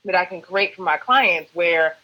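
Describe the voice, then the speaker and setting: Woman from Uganda, bright tone, animated, conversational, author guest. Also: lowish voice, moderate pace, poor audio. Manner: animated, expressive storytelling. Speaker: guest, personal brand strategist and author. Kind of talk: casual interview answers.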